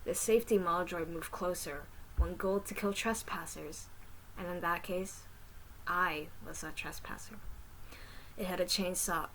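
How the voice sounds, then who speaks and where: A woman's voice: fairly low pitch, fairly even intonation, measured pace, a bit bright, slight background noise, rough recording. A woman reading her own first-person fan story aloud casually, with small slips.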